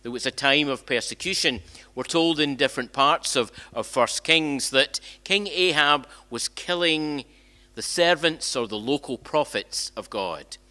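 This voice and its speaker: Into a gooseneck lectern microphone inside a church sanctuary, an older minister delivers a conversational sermon at a measured pace. His voice sits on the high side, bright and forceful, and he poses rhetorical questions, often restarting and repeating phrases.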